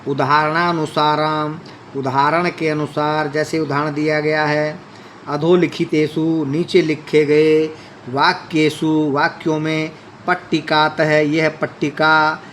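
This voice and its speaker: A man's voice: fairly high pitch, flat delivery, takes it slowly, fairly bright tone, slight background noise. A man teaching a Sanskrit lesson, reading lines aloud and then explaining them. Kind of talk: classroom explanation.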